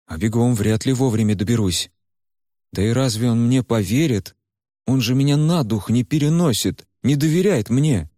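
A man voicing a protective male fire spirit in a measured, steady way. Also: mid-range voice, dry recording, clean studio sound, natural voice. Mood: exasperated. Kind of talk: audiobook character voice.

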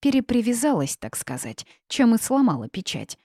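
A woman reading the part of a stern, sharp-tongued old grandmother witch in an audiobook, curt and scolding. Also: fairly high pitch, very animated, normal speed, dry recording, studio quality, pitched above the performer's own voice.

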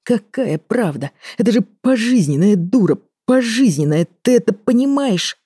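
A woman's voice: fairly high pitch, expressive, moderate pace, warm tone, slightly rough, no echo, studio quality, pitched above the performer's own voice. A woman reading an audiobook and voicing an angry young male criminal who barks harshly at his lover. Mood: furious. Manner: barking, harsh.

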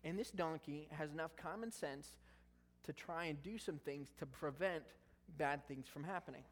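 A man's voice: a little high, normal speed. A casual, joking male pastor preaching. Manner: conversational, jokey asides while reading scripture. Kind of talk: casual sermon.

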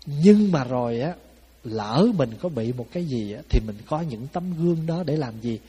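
A monk preaches to a gathering, slipping into the voices of the people in his stories and checking in with his listeners as he goes. His voice is mellow and a little husky. The sound rings out with long reverb, as in a large hall. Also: mid-range voice, normal speed. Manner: lively, conversational, acts out quotes of people in his stories; asks the audience "phải không?". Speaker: Buddhist monk giving a dharma talk. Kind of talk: storytelling sermon.

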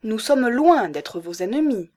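A woman reading aloud, voicing an earnest young man who speaks clearly and firmly, in a formal, speechlike way. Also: a little high, sing-song, unhurried, darkish tone.

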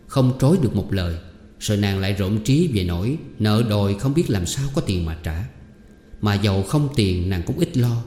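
A man narrating a novel in a steady, measured storytelling voice. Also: on the low side. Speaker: audiobook narrator. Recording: roomy hall with long reverb.

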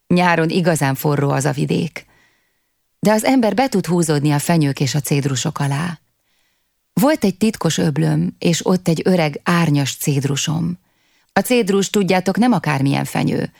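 A woman's voice: low-pitched, gravelly, darkish tone, dry recording, studio quality. A woman reading an audiobook, voicing a young man who wistfully tells the listeners about his past. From half Turkish, half Kurdish (figure). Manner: wistful storytelling, addressing listeners.

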